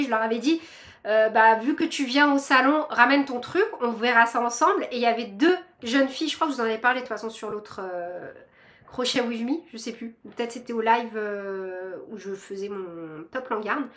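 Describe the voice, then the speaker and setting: Woman, young adult, high voice, chatty rambling vlog host. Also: a little fast, a bit bright. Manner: bubbly, self-described chatterbox, lots of fillers. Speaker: crochet channel host. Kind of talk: chatty vlog talk to viewers.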